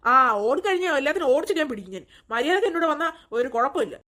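A woman's voice: sits high, very animated, rapid-fire. A woman voicing a menacing male kidnapper in a cartoon, luring children with sweets and then threatening them. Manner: threatening, taunting, mocking laugh.

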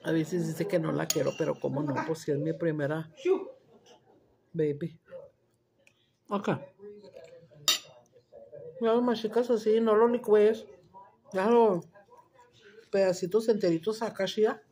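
A woman's voice: fairly low pitch, a little slow, long pauses, crowd noise. Crude, brash woman vlogger. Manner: loud, crude, swears freely, switches between Spanish and English. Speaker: mukbang cooking vlogger. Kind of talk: casual chat while cooking and eating.

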